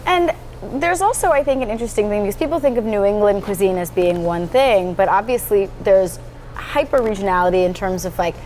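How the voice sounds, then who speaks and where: A woman's voice: medium pitch, fairly quick, a little mellow, a little hiss or hum. A woman hosting a food show, interviewing a chef in a friendly, enthusiastic way. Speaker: host and interviewer. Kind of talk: conversational interview.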